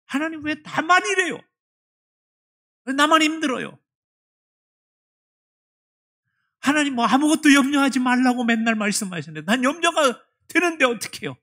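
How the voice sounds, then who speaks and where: A man's voice: on the high side, animated, unhurried, long pauses, breathy edge. A man voicing a distressed middle-aged woman deaconess who complains and pleads in tears, in sermon storytelling. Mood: pleading. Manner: plaintive, pleading outbursts.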